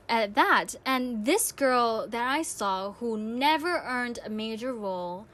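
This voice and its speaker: Her voice is fairly high and fairly bright as she talks. She's a young woman hosting a podcast in radio style, telling listeners earnest, thoughtful stories from her own life.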